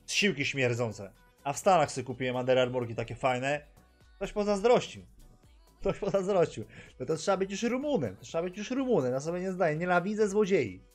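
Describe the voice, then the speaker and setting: Animated Polish man telling stories. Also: fairly high pitch, fairly quick, soft background music. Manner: animated, switches between Polish and broken English, bursts into loud exclamations. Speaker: gaming streamer vlogger. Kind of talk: casual storytelling vlog.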